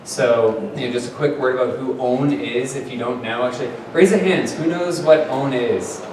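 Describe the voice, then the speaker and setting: A man's voice: medium pitch, normal speed, background noise. Casual man moderating in an echoey hall. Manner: conversational, many fillers. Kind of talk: public meeting address. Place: community meeting room. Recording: echoey hall, mic at a distance.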